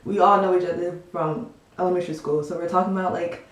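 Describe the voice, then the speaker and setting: A woman's voice: fairly low pitch, little pitch movement, fast talker. A young woman casually telling a rambling story to the camera, full of fillers. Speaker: storytime vlogger. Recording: echoey room.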